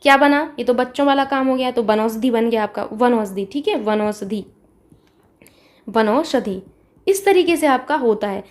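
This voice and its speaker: High-voiced woman teaching a grammar lesson. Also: fairly quick, hardly any pauses. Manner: patient, repetitive, talks straight to students. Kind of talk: exam-prep grammar lesson.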